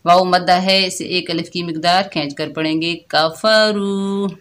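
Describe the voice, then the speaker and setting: A woman's voice: fairly low pitch, flat delivery, fairly quick, a bit bright. A woman teaching Quran recitation, patiently explaining each letter step by step.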